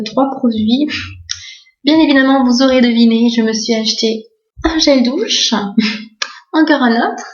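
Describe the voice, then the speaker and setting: A woman, chatting casually through a beauty haul, full of fillers and enthusiasm for bargains. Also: a little high. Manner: chatty, many fillers and "voilà". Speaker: beauty vlogger. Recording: echoey room, dull lo-fi sound.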